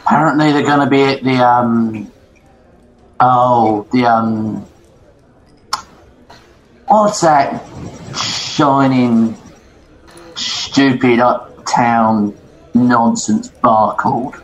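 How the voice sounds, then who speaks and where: Man voicing a slow, scornful tavern drunk, commoner grumbles. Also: medium pitch, steady tone, highs cut off, slight background noise. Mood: scornful grumbling. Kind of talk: tabletop role-play voice.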